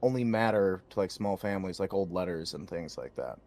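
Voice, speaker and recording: A man narrating a tabletop game as game master, measured, with dry sarcastic asides. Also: deep voice, darkish tone, a little hiss or hum.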